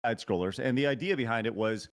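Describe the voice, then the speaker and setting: Over a remote call whose audio is choppy and keeps cutting out, a man hosting a show interviews a guest in a casual way. He talks fast in a mid-range voice, rambling and hesitant, full of filler and restarts.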